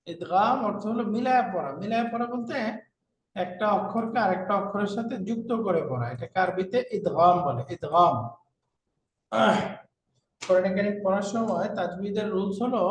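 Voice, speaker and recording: A male Arabic teacher with a Bangladeshi Bengali accent giving a classroom lecture, slowly repeating terms and asking rhetorical questions. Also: sits high. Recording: echoey room, far from the mic, faint noise.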